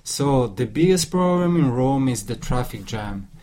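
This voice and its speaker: Italian man with a halting manner. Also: mid-range voice, animated, crowd noise. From Italy. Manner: halting, many restarts and fillers. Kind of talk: casual discussion.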